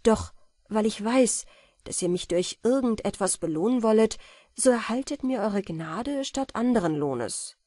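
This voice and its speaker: A woman's voice: mid-range voice, lively intonation, a little slow, dark tone, no echo, clean studio sound. A woman voicing a modest, noble-minded young man who speaks formally and politely. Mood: earnest. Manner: formal, polite, old-fashioned speech.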